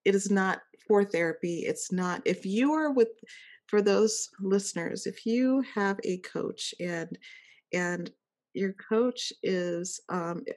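A woman's voice: mid-range voice, slow pace, darkish tone. A woman coach hosting an interview, encouraging and repeating key phrases for emphasis. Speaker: life coach and podcast host.

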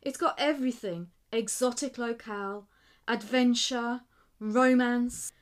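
A woman reading the part of an eager young man who wants to be a writer, talking with rising excitement. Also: high voice, smooth, natural voice. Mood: excited. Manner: excited, quick, rising with enthusiasm.

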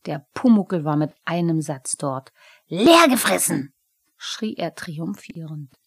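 A woman reading a children's story aloud with a lively, expressive delivery. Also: low voice, measured pace, breathy edge, no echo, studio quality. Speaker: narrator. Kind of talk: storybook narration.

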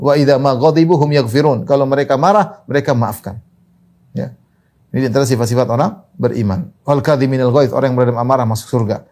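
A man preaching an Islamic sermon, reciting Arabic scripture and driving points home with emphatic repetition. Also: darkish tone. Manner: quotes Arabic scripture, emphatic repetition, pitch swings widely. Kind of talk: religious lecture.

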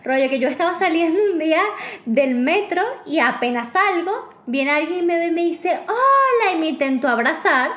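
A woman telling an awkward story in casual podcast chat, expressive and laughing. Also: sits high, normal speed. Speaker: podcast co-host. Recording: echoey room.

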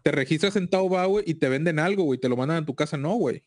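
A man's voice: fairly high pitch, quick pace, dry recording, clean studio sound. A Mexican man chatting casually in laddish, profane bro slang. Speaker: video game collector. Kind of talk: casual chat.

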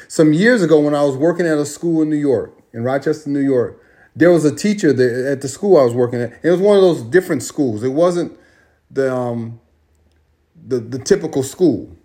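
An American man who is traveling in Australia sends a voice message, a casual spoken monologue delivered in a loose, rambling way. He repeats phrases and corrects himself as he goes. His mid-range voice has a warm tone and normal speed.

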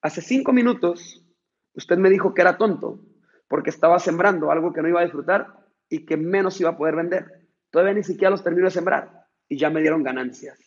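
A humble old ranch hand past sixty, put on by a man telling a story. He speaks with calm respect, his voice husky and gravelly. The recording is dull and lo-fi. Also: fairly high pitch, fairly quick. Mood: amused. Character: humble old male farmhand, over sixty.

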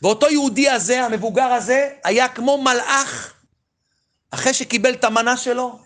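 A rabbi telling a story in a sermon, swinging from loud pleading to hushed near-whispers. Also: male voice, extremely high pitch.

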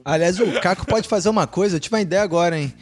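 A man's voice: high voice, racing, faint music behind. A Brazilian man telling slangy anecdotes in a casual podcast chat. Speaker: podcast co-host.

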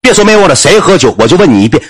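A man with a Northeastern Chinese accent voicing a loud, belligerent drunk fat man who argues with a neighbor. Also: fairly high pitch, big pitch swings, very fast, slightly rough, voice pushed up. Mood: defiant. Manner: shouting, argumentative.

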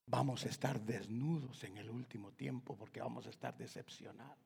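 A man from Guatemala with a Guatemalan Spanish accent, preaching a fervent sermon in a church. He swings from shouted calls to hushed whispers and keeps addressing his listeners as brother. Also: medium pitch, brisk, creaky, slightly rough. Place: church hall. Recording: long reverb of a large hall.

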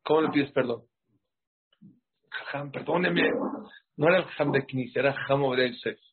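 A man giving an animated sermon, full of rhetorical questions to his listeners. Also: medium pitch, fast, slightly rough. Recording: muffled lo-fi sound.

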